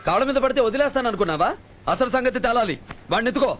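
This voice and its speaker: A man's voice: extremely high pitch, lively intonation, very fast, fairly bright tone. A man playing a stern, suspicious man in charge who scolds and gives orders, over film music. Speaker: film character. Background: film score music.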